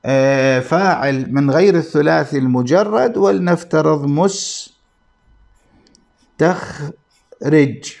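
A male grammar teacher with a somewhat high voice lectures at an unhurried pace. He spells out each point deliberately and repeats terms for his class. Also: lively intonation, a little mellow. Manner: slow, deliberate explaining with repetition, addressing students.

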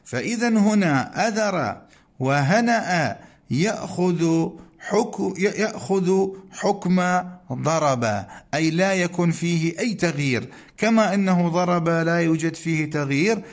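A man teaching a classical grammar text, reciting verb conjugations slowly and deliberately, chanting some forms, and putting rhetorical questions to his students. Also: a little high, lively intonation.

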